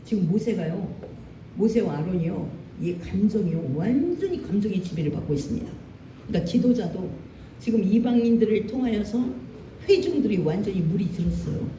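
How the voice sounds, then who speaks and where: A woman pastor preaching a sermon in a church, animated, acting out lines in a raised voice. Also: mid-range voice, fairly quick, reverberant, recorded from a distance, a little hiss or hum. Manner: animated preaching, acts out Moses' angry lines. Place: church sanctuary.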